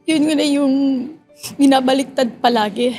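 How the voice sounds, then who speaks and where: A woman with a Filipino accent, a mother recounting her child's ordeal in an interview, soft-spoken and often dropping quiet. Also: sits high, moderate pace, soft background music. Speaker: guest, mother. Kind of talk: emotional interview account.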